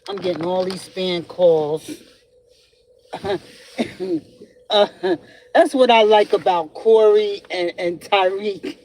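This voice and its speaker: A woman's voice: medium pitch, takes it slowly, long pauses, darkish tone, poor audio. A woman hosting a podcast in a casual solo chat from her car. She talks while driving, rambles, and laughs often as she tells stories. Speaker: podcast host. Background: faint road and vehicle noise.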